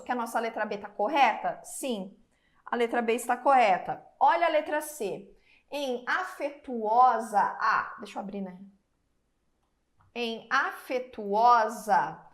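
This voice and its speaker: A Portuguese teacher with a Brazilian accent gives an online exam-prep lesson, explaining step by step, stretching out example words, and checking in with students often. Her voice is fairly high and a bit bright.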